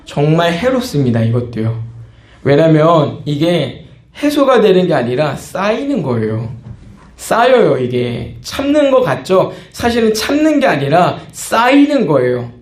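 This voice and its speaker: A man's voice: on the high side, very animated, unhurried, roomy sound. A man preaching a sermon as pastor, talking conversationally and acting out small scenes. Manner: conversational preaching, acts out quoted outbursts.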